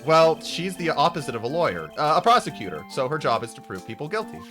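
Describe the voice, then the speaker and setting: Casting: a man as a steady, explanatory male lawyer, bright and lively delivery, game dub. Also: a little high, fast talker, soft background music. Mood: calm. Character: level-headed adult male defense lawyer. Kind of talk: fan voice-over of a game.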